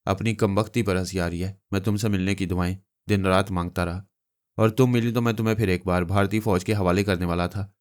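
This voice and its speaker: A man's voice: sits low, fairly even intonation, fairly quick, close to an everyday voice. A man voicing an anguished lovesick informer. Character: desperate lovesick male drug-addicted informer.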